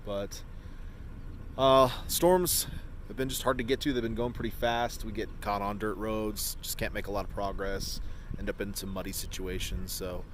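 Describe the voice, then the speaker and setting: A man who works as a storm chaser gives casual vlog commentary from the road, recorded inside a car. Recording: very noisy moving vehicle, rumbling road noise. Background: loud engine and road rumble.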